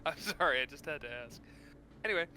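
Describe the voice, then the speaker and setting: A man playing a tabletop game, wisecracking and animated. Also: fairly high pitch, fast, slight background noise, poor audio. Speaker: player. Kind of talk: casual tabletop play.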